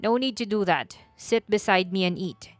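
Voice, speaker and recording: A woman's voice: mid-range voice, normal speed, no room sound, faint music behind, lightly acted. A woman voicing a hungover, grumpy rich young man who speaks curtly and coldly in a storybook reading. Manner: curt, cold and commanding.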